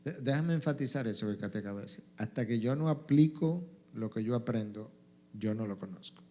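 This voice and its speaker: A man's voice: medium pitch, brisk, warm tone. A male pastor answering questions at a church event, stressing his points by repeating them. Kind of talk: church Q&A teaching.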